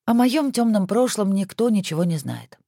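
A reader voicing a sharp-tongued young wife who teases her husband in mock-stern tones, in a storybook reading. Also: mid-range voice, very animated, normal speed, vocal fry, dry recording, clean studio sound, voice pushed up.

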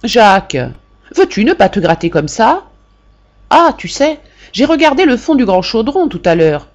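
A woman reading aloud and voicing a domineering middle-aged mother who scolds in a shrill, indignant way, on a dull lo-fi recording. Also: sing-song, normal speed, dark tone, breathy edge. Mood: scolding.

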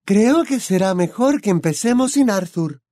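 A man playing a shrill, fussing mother. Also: lively intonation, moderate pace, warm tone, no echo, clean studio sound. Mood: flustered. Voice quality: strained high falsetto. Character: fussing anxious middle-aged mother, excitable. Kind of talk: audiobook character voice.

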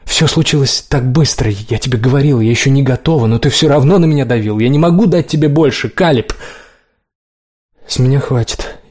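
Male reader voicing a wounded defiant young heroine, husky tone, pleading outbursts. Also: mid-range voice, fairly quick, darkish tone, natural voice. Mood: desperate. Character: hurt, defiant young woman in love.

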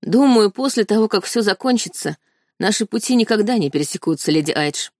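A woman's voice: medium pitch, animated, brisk, a little mellow, no room sound, voice pushed up, close to an everyday voice. A cold young prince full of contempt, read by a woman in an audiobook. He snaps and sneers with harsh scorn. The recording is dry and close. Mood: scornful.

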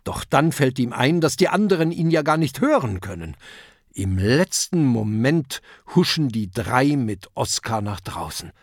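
A man narrating a children's adventure audiobook in a lively storytelling manner. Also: mid-range voice, husky, no echo, clean studio sound. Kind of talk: scripted narration.

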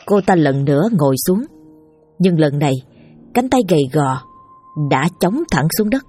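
Woman narrator, husky voice, scripted horror story reading, faint music underneath. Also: fairly low pitch, darkish tone.

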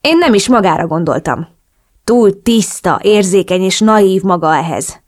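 A woman reading the lines of a cold, calculating male drug cartel boss in an audiobook, in a cool, measured, blunt manner. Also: mid-range voice, animated, a little mellow, close to an everyday voice.

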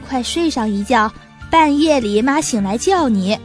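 A gentle mother pigeon from a children's storybook, speaking low and soft as she settles her young, as a woman storyteller puts her on. Faint music plays underneath. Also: lively intonation, unhurried. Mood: soothing.

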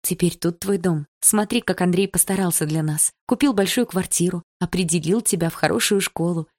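A woman's voice: fairly low pitch, a little fast, a little mellow, no room sound, studio quality. A woman voicing an anxious middle-aged mother who soothes and then pleads in an audiobook. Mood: soothing.

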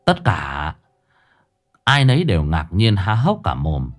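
A man narrating a comic folk story in an animated, mocking way. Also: low-pitched, measured pace.

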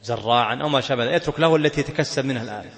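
A man's voice: medium pitch, rapid-fire, creaky. A man teaching Islamic jurisprudence, reading a text and explaining it, often asking a question and answering it himself. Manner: questions and answers himself, laughs now and then.

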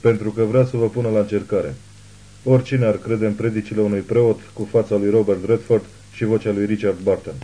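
A man voicing a zealous old woman who calls herself a prophet, speaking in a hushed but imperious way. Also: fairly low pitch, fairly even intonation, lightly acted, rough recording. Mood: fervent preaching.

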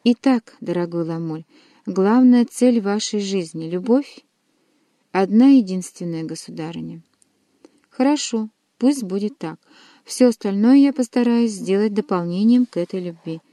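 A woman's voice: medium pitch, normal speed, warm tone, no echo, natural voice. A woman voicing a young queen who teases and reproaches her lover. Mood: tender. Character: young queen, teasing and commanding.

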